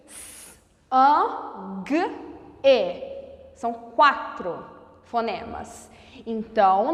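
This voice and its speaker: High-voiced woman teacher, slow and deliberate. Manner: slow, deliberate over-enunciation of sounds. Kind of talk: whiteboard phonetics lesson. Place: classroom with a whiteboard. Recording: echoey room with long reverb.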